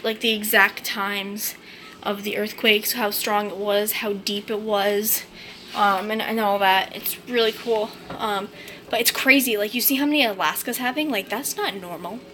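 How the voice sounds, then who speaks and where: A woman's voice: mid-range voice, steady tone, moderate pace, fairly bright tone, slight background noise. A tired young woman from New England, hosting a casual live stream, rambling and chatty with lots of fillers and the odd angry curse. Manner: rambling, chatty, with many fillers and swearing outbursts.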